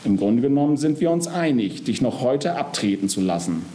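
A man's voice: mid-range voice, very animated, moderate pace, warm tone, pitched above the performer's own voice, close to an everyday voice. A man voicing Death as a cold, menacing old man who hisses his threats in a storybook reading. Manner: hissing, threatening, sneering.

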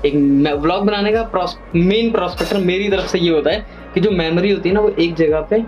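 A man's voice: high voice, a little fast, a little mellow, muffled recording. A young man in his twenties chatting playfully to viewers in a casual home vlog, narrating what he is doing and slipping English words into his talk. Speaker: vlogger. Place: family home, indoors. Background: background music.

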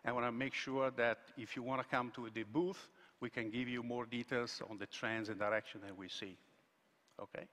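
A man giving a conference keynote from a large stage, speaking haltingly with frequent restarts. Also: medium pitch, fairly even intonation, bright, forceful tone, a little hiss or hum. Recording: echoey hall sound.

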